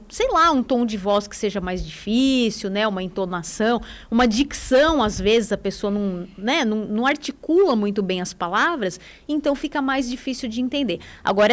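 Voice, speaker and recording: A Brazilian woman in her forties, an English teacher, talking casually on a radio show with enthusiasm and frequent tag questions. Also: medium pitch.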